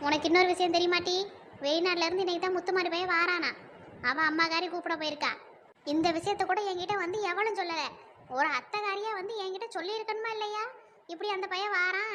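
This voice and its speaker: A woman's voice: extremely high pitch, steady tone, fast, bright, forceful tone, a little hiss or hum. A woman voicing a stern, scolding village mother in a cartoon who nags and threatens her daughter. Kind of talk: cartoon dub acting.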